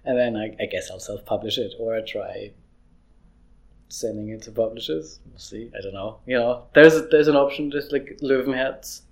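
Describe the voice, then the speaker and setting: A young Austrian illustrator chats casually in an interview, speaking at a moderate pace in a mid-range voice with vocal fry. He rambles, restarts often, and laughs easily.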